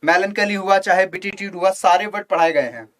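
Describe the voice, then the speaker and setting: A man teaching English vocabulary in a live online exam-prep lesson, coaxing viewers to comment and chanting memory tricks in a slow singsong. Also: high voice, a bit bright. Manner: addresses viewers as children, asks for comments.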